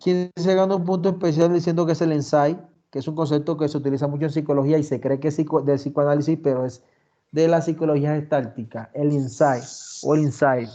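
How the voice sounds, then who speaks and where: A man's voice: on the high side, fairly even intonation, fast, warm tone, dull audio. A man giving a university lecture over a call, explaining and questioning the class.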